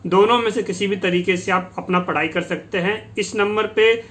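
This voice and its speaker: A man teaching English phrases in Hindi, repeating each phrase slowly and explaining it patiently to his students. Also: high-pitched, fairly even intonation, fairly bright tone. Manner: slow, repeats each phrase twice, drawing out English words; addresses listeners as "beta", explains patiently. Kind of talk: Hindi-language English lesson.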